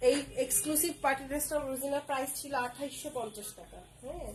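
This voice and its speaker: A woman's voice: high-pitched, fast, slight background noise, rough recording. A woman hosting a live clothing sale stream, using repetitive, persuasive sales patter.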